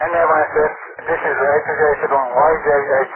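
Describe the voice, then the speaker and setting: Male radio control operator making a ham radio call, slightly high voice, procedure-style call signs, heavy static. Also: steady tone, normal speed. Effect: ham radio call over a noisy link. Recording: tinny noisy radio transmission.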